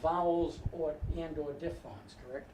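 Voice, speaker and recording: A man's voice: on the high side, steady tone, a little slow, mellow. An older man teaching a class, explaining pronunciation step by step and often checking with "right?". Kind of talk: classroom lecture. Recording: echoey room, mic far off, faint noise.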